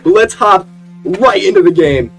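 A young man giving jokey, excitable let's play commentary and talking to the game characters. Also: high-pitched, unhurried, vocal fry, faint music behind, poor audio. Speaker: gaming YouTuber.

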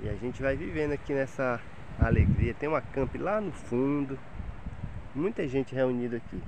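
A man's voice: medium pitch, normal speed. A man in his thirties giving a cheerful, chatty walking tour of a seaside campground, filmed on a handheld phone. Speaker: travel vlogger. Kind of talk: casual vlog walkthrough. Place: outdoor beachside campground, windy. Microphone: handheld phone camera. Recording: loud wind noise on phone mic.

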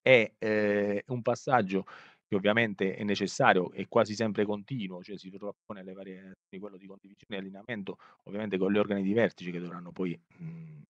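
A man giving a webinar presentation over a video call, talking haltingly with many fillers and restarts. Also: fairly even intonation, dry recording. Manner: hesitant, full of fillers and restarts. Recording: muffled low-fidelity web call audio.

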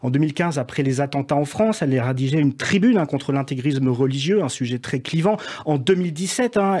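A man's voice: fairly high pitch, mellow. A man presenting a radio culture segment, telling an artist's story with a frequent tag word. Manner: frequent filler "hein", storytelling delivery. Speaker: radio columnist.

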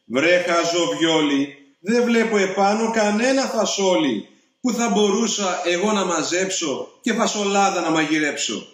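Man as a bossy, scolding mother; shrill, nagging storybook voice, echoey room. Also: expressive.

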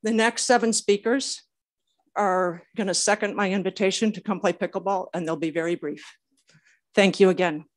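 Speaking at a moderate pace in a steady, mid-range voice, an older woman reads her prepared remarks as a public commenter at a public meeting. A little nervousness comes through.

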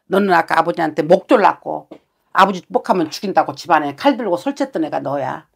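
A woman's voice: on the low side, animated, quick pace, gravelly, husky. A woman shaman giving a fortune-telling session, talking bluntly and scolding with coarse words.

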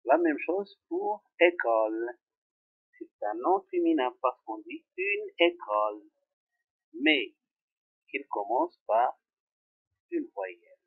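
A man teaches French grammar to pupils, going slowly and repeating each example. His pitch is very lively, and the sound is tinny, like a phone.

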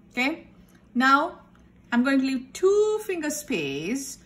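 A woman art teacher giving a step-by-step drawing lesson, calmly talking through each step as she draws at a desk. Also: on the high side. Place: indoors at a desk. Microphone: overhead camera filming the tabletop.

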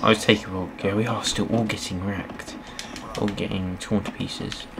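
A young man giving casual gameplay commentary, muttering, then loudly swearing at the game. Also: fairly low pitch, level tone, normal speed, gravelly, noisy background. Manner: swears freely, shifts between mutters and outbursts. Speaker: gaming channel host.

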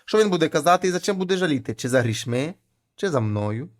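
A man's voice: fairly high pitch, animated, quick pace, lightly acted. A man voicing a cunning poor peasant. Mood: scheming. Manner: plain folk-tale speech.

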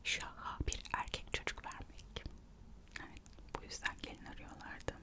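A storyteller whispers an ASMR narration, reading aloud and adding gossipy, musing asides. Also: normal speed. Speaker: ASMR host narrating royal history.

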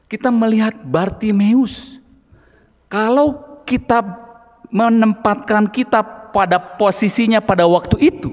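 Earnest high-voiced male preacher in a hall. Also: darkish tone. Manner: earnest, emphatic, addresses listeners as brothers and sisters. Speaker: deacon preacher. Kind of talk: sermon. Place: church hall.

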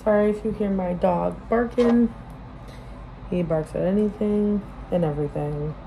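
In a small indoor room that resembles a bedroom, a woman vlogs to a phone held up at arm's length, making a casual get-ready-with-me video. Her voice is mid-range, creaky and dark, at a measured pace, and she rambles informally, interrupting herself. The room is noisy on the recording.

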